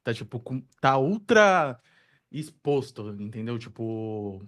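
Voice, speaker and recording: A man's voice: mid-range voice, very animated, slow, a bit bright. A man with a Brazilian accent working as a video editor, talking hesitantly with lots of fillers and a defensive tone. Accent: Brazilian Portuguese. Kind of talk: casual work conversation.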